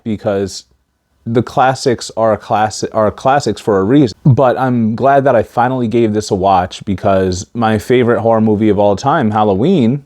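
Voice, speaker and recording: Male movie-review vlogger, lower register, casual and halting, stiff-mouthed after wisdom teeth surgery. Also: darkish tone. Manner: stiff-mouthed speech after wisdom teeth removal, limited facial mobility. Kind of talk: casual talk to camera.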